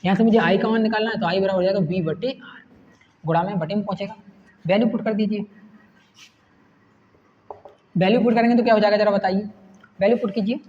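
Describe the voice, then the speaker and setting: A man's voice: sits high, steady tone, fast. Male teacher in an echoey room. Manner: asks the class questions and answers them himself. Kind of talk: step-by-step classroom explanation. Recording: echoey room, dull lo-fi sound, faint hiss.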